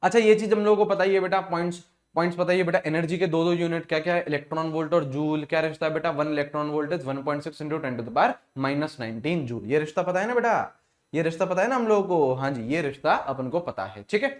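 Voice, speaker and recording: A man's voice: fairly high pitch, quick pace. A man with an Indian accent teaching exam chemistry, who asks questions and answers them himself and calls students "beta". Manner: calls listeners beta, repeats key points. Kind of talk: exam revision lecture.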